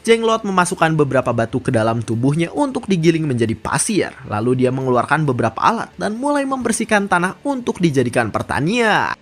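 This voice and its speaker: Manhwa recap narrator, scripted read, lively up-and-down voice. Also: fairly quick. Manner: steady storytelling read with lively pitch.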